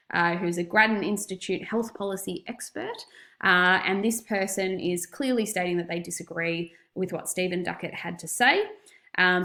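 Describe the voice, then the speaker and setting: Female teacher, Australian accent, medium pitch. Instructive recorded lesson with emphatic key points, noticeably echoey room. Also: fairly bright tone. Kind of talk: recorded classroom lesson, explanatory.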